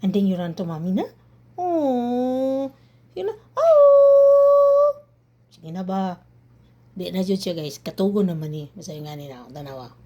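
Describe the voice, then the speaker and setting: A woman's voice: lowish voice, expressive, moderate pace, lo-fi sound. A woman from the Philippines filming a home vlog, playfully coaxing her dog to howl and making long howling sounds herself. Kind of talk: casual home vlog talk to a pet.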